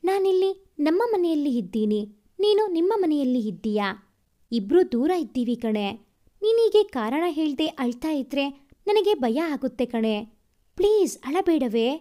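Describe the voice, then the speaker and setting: A woman's voice: high voice, sing-song, measured pace, warm tone. A woman doing an anxious caring young man. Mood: worried, coaxing. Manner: pleading, soothing.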